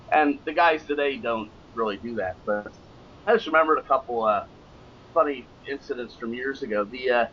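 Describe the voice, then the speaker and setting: A man in a casual podcast chat who rambles through his stories with plenty of "you know" and "uh". He speaks at an ordinary middle pitch. The recording is slightly dull, with a faint noise bed. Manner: rambling, with many fillers and laughs. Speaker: podcast guest, professional gambler. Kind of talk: casual storytelling.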